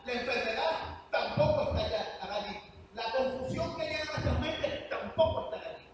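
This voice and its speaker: A man preaching a sermon in church, earnest and emphatic, moving between soft passages and loud ones. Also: extremely high pitch, moderate pace, faint music behind. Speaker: pastor. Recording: echoey church hall, distant mic, hum.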